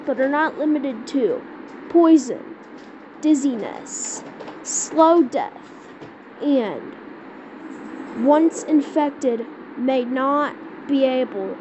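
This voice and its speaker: A woman whose voice sits high voices a homemade emergency scenario, improvising an amateur skit and a mock emergency announcement. Her delivery is halting, with repeated words as she searches for phrasing. The audio is dull and lo-fi, with loud background noise.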